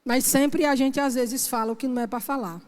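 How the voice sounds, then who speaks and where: A woman's voice: high voice, steady tone, fairly quick, darkish tone. A woman minister from Brazil, preaching an emphatic sermon and often asking the congregation "Amém?". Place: church sanctuary. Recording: long church-hall reverb.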